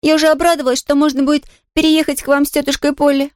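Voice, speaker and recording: A woman voicing an excitable, chatty young girl in an audiobook reading, talking in a breathless rush. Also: high voice, very fast, no room sound, studio quality, voice pushed up, natural voice. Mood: dismayed.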